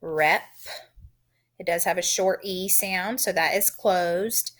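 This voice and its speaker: A woman teaching a phonics lesson, sounding out letters and syllables in a deliberate, encouraging way. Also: lowish voice, steady tone.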